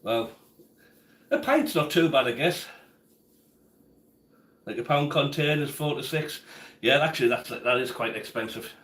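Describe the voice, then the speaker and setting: This medium-pitched, slightly bright man sounds animated but speaks a little slowly with long pauses while chatting through a cooking livestream in his home kitchen, answering viewers by name. The room is echoey.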